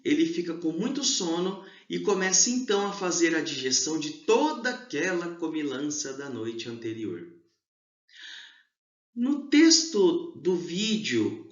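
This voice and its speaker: A man teaches a review lesson to schoolchildren. He explains slowly and leans hard on key syllables, and his voice rises and falls a lot and sits a bit high. The sound is roomy and echoey, with a dull lo-fi tone. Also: fairly bright tone. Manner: slow, emphatic explaining, stressing syllables. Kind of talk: exam review lesson for children.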